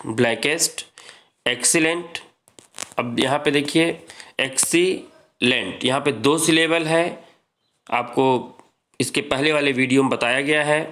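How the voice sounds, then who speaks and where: A man teaching an exam-prep grammar lesson, explaining slowly and repeating points while addressing students as friends. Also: medium pitch, fairly bright tone.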